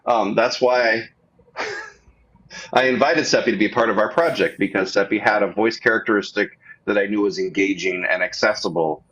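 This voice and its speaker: A man's voice: on the low side, normal speed, a bit bright, low-quality recording. A male guest chatting on a livestream, enthusiastic and encouraging. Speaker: guest, indie game publisher. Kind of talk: casual chat.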